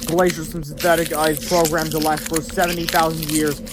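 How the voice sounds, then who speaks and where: This storybook reader, a man with a slightly high voice, narrates a children's chapter book at normal speed with flat delivery. Now and then he trips over a word or drops in an aside, and the homemade recording carries a lot of noise.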